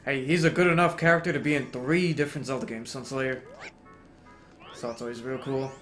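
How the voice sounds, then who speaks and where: A man streaming a speedrun, greeting viewers by name and reacting with sudden excited outbursts. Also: medium pitch, a little fast, soft background music. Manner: greets and answers chat, bursts into excited exclamations. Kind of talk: casual live-stream chat while gaming.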